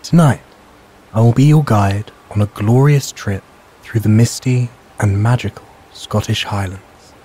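A man narrating a bedtime sleep story in a calm, measured, soothing and hushed guiding way. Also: fairly low pitch, slight background noise, low-quality recording.

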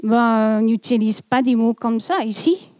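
A man's voice: extremely high pitch, a little slow, a little mellow, dry recording. A woman voicing a young man from Quebec, an old university friend who speaks plainly and teases, in a Quebec French accent, told in a live stage story.

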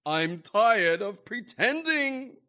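A troubled man who earnestly believes he is Santa, in a comic radio drama. He speaks slowly and plaintively, with lively swings of pitch. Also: heavily acted. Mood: defensive, earnest.

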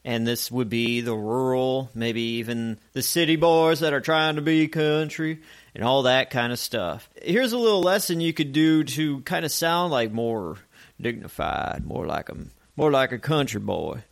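A man hosting a comedic radio-style show, chatty and animated as he jokes through his segments. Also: mid-range voice, normal speed.

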